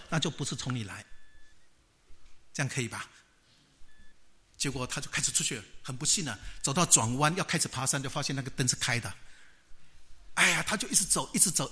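Lively male preacher with a bright, slightly high voice. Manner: lively storytelling, rhetorical questions. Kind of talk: storytelling sermon.

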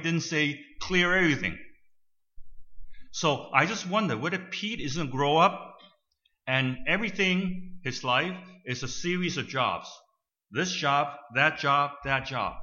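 Older man telling a story, bright voice. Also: fairly high pitch, muffled recording. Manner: conversational, keeps checking in with "right?". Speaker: speaker addressing an audience. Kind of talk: storytelling talk.

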